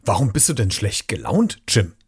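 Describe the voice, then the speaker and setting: A man's voice: on the low side, sing-song, normal speed, husky, exaggerated voice. A man voicing a curious male lemur in a children's storybook reading.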